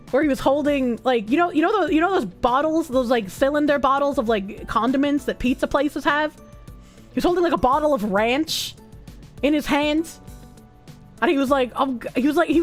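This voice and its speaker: A woman with a Boston accent hosting a livestream, chatting casually and bawdily with her viewers, joking and swearing freely. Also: high-pitched. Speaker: livestream host.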